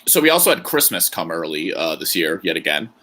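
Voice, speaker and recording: A man's voice: low-pitched, very animated, a little fast, sharp tone. A man co-hosting a podcast in casual banter, joking and rambling with frequent laughs. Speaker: podcast co-host.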